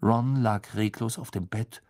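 Ein Mann liest ein Hörbuch ausdrucksvoll und dramatisch vor. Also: male voice, lowish voice, unhurried, dry recording, clean studio sound. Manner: expressive, dramatic storytelling. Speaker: audiobook narrator. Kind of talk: scripted audiobook narration.

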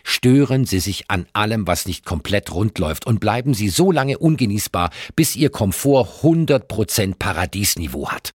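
Guy reading an essay, husky voice, dry sarcastic tone, no room sound at all. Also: on the low side, animated, moderate pace, hardly any pauses, no echo. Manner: dry, ironic delivery. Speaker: narrator. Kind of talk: scripted essay narration.

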